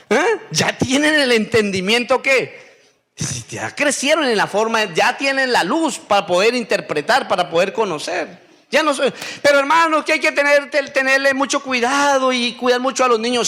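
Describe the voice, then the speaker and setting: A man preaches a sermon in a fairly high voice. He keeps throwing questions to the congregation and drags out the answers himself. Now and then he mimics whiny voices in a sharp squeak. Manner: call-and-response questioning, drawn-out answers. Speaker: pastor.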